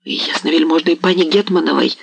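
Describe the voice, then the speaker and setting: A man's voice: a little high, brisk, gravelly, dry recording. A man voicing a terrified merchant who stammers and pleads in a trembling voice, in an audiobook. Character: terrified male merchant messenger, timid and pleading. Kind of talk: audiobook character reading.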